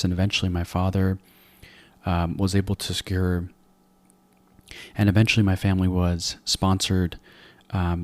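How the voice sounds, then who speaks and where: A man in his forties from Afghanistan, a podcast guest giving measured, reflective interview answers into a close mic. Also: low-pitched, darkish tone, no echo.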